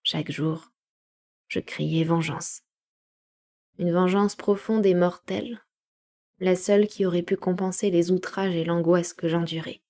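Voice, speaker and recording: A woman narrating a classic novel as a home-made live audiobook, measured and expressive. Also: fairly low pitch. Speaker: audiobook reader.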